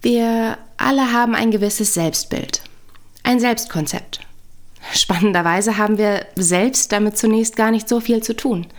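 A woman who is a couples therapist, hosting her podcast in calm, reflective scripted narration with gentle humor. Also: a little high, a little slow.

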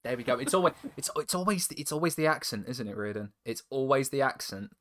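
A podcast host with an English estuary accent chats casually and loosely, laughing often, stumbling and restarting. His medium-pitched voice is animated, fast, and a bit bright.

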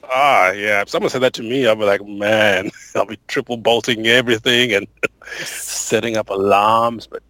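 A man's voice: fairly low pitch, steady tone, normal speed, sharp tone, no room sound, rough recording. An easygoing man chatting as a podcast guest, often chuckling in the middle of his sentences. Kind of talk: casual interview chat.

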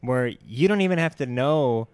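A young man co-hosting a casual film chat, relaxed and talkative with many fillers and easy laughter. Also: mid-range voice, moderate pace, smooth, dry recording. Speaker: podcast co-host.

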